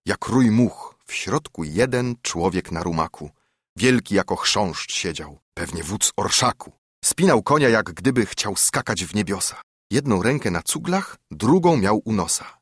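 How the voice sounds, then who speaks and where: A man's voice: fairly low pitch, sing-song, a little slow, slightly rough, dry recording. A man reading epic verse aloud in a rhythmic, dramatic way.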